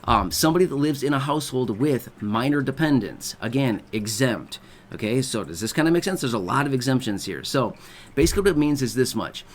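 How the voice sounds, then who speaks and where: The host of this online video is a man with a mid-range voice who talks fairly quickly with lively intonation. He's explaining benefits in a relaxed, conversational style and regularly checks in with his viewers.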